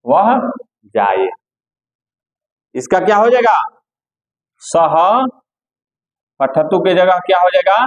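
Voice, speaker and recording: A man teaching a classroom lesson, slow and patient, repeating each step for his students. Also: high-pitched, very animated, low-quality recording.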